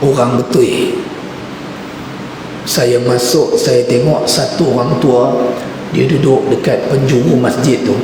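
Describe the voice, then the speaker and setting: A man's voice: medium pitch, fairly even intonation, slow, long pauses. A male preacher telling an anecdote in a conversational way during a religious lecture in a mosque. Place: mosque hall. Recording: echoey mosque hall with background noise.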